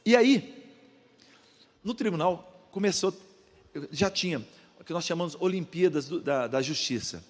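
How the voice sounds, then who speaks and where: An older Brazilian pastor with a high voice preaches and tells a personal story, acting out the other people's voices along the way. His accent is Brazilian Portuguese. The sound rings with the long reverb of a church hall. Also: expressive, normal speed, long pauses. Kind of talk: sermon.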